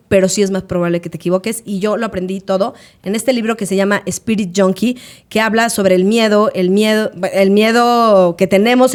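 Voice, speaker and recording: A Mexican woman in her late thirties, a podcast co-host, telling stories in a casual chat and acting out the people she quotes. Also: medium pitch. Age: late 30s. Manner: animated, acts out quoted voices.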